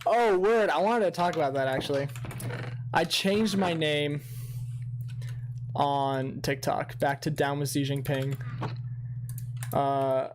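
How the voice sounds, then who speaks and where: A man's voice: a little high, steady tone, slow pace, long pauses, background noise. Rambling, profane young male streamer. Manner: rambling, profane, self-mocking. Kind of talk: casual livestream gaming chat.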